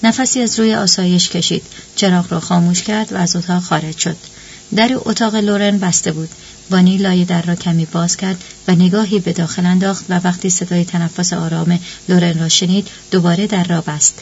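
A woman narrating a novel as an audiobook, reading in a steady, even storytelling manner. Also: fairly low pitch. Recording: dull lo-fi recording with faint hum.

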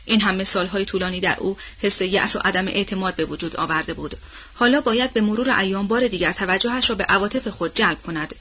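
A woman narrating a novel in a steady, measured storytelling voice, on a dull, muffled recording. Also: medium pitch, slightly rough. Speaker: audiobook narrator.

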